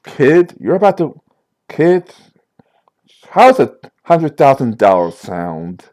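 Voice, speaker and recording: A man's voice: medium pitch, sing-song, slow, a little mellow. A man voicing a blunt, heavyset middle-aged detective boss. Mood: brusque.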